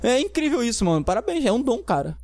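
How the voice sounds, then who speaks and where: A young Brazilian man with a high-pitched voice co-hosts a casual podcast. He talks like an excitable frat bro, loose and packed with slang. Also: quick pace. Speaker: podcast co-host.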